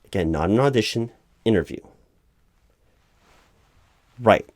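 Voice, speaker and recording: Here a man voices a bureaucratic but polite recruiting manager for a spoken ASMR interview roleplay where only he talks. His lowish voice has lively intonation, and he sounds flustered and exasperated, stumbling, repeating himself and over-explaining with patience. It's recorded close and dry, with no echo.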